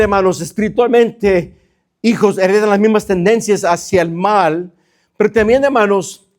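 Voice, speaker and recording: A man's voice: high-pitched, darkish tone. A male pastor preaching a fervent sermon, constantly turning to address his congregation.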